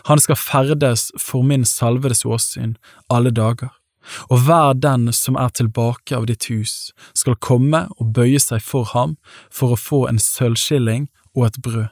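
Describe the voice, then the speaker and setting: A man reading scripture aloud in a measured, steady way, lightly shading the quoted speech. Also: mid-range voice, dry recording, studio quality. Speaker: Bible reader.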